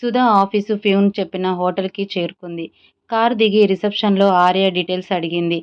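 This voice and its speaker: A woman narrating a serialized story aloud with a steady, expressive reading, in a slightly dull lo-fi recording. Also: medium pitch, fairly quick, clean tone.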